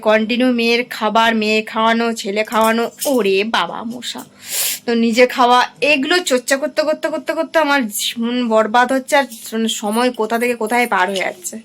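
A woman in her thirties with a Bengali accent, chatting casually in a home vlog about her evening. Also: on the high side. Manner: chatty, drawn-out, softly spoken at times. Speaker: vlogger. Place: home at night.

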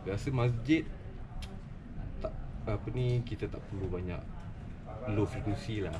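In a small, cluttered office, a young man with a Malaysian accent, an audio specialist, talks through technical topics casually, pausing to find his words. His voice is fairly low and unhurried, and a loud crowd can be heard.

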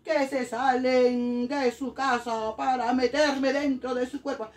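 Woman doing a sneaky high-pitched virus creature, creeping after kids, slow and distant. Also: level tone. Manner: teasing, creeping in to catch kids outdoors. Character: sneaky coronavirus creature hunting children.

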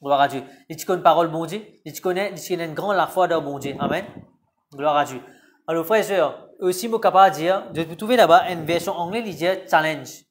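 A man's voice: a little high, a little fast. A male pastor, preaching a sermon and often calling out praise to God and amen. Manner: preaching with repeated calls of "Gloire à Dieu" and "Amen".

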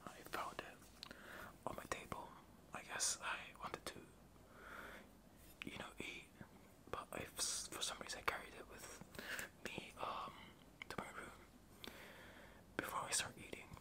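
A young adult man doing fast whispering ASMR in a breathy, unvoiced whisper, chatting casually in a rambling, self-deprecating way close to a desktop microphone. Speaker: ASMR creator. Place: small home bedroom, indoors. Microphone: close desktop microphone with foam cover.

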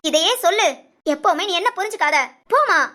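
A woman's voice: extremely high pitch, animated, fairly quick, sharp tone, exaggerated voice. A woman voicing a sulky, selfish ten-year-old boy who whines and complains in a Tamil short story. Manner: whiny, complaining.

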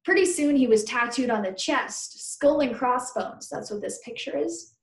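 Reading a children's book aloud at a normal speed, a woman teacher with a high voice breaks off to quiz her pupils and explain things. There's a roomy echo, as if in a large indoor space.

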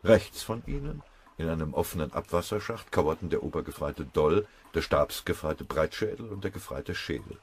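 A man narrating an audiobook in an even, measured reading style. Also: very deep voice, husky. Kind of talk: scripted narration.

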